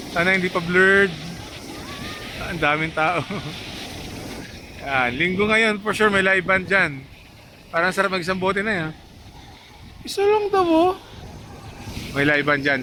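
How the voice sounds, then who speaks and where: A man vlogging casually on a beach at sunset, chatting to the camera and cooing at a baby. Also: sits high. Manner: chatty, coos and teases a baby in a lifted voice. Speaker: travel vlogger. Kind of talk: casual vlog narration. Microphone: handheld camera. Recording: outdoor noise from waves and wind. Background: sea and surf noise.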